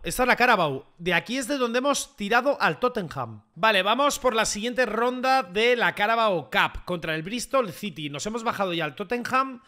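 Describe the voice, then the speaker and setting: Man, high voice, bright tone, excitable gaming commentary, repeats himself, sudden shouts. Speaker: gaming YouTuber. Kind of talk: gameplay commentary.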